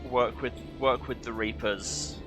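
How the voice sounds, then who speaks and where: A man's voice: mid-range voice, fairly even intonation, measured pace. A man giving casual, wry gameplay commentary as a streamer, full of sardonic joking. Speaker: game streamer. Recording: voice over loud game music.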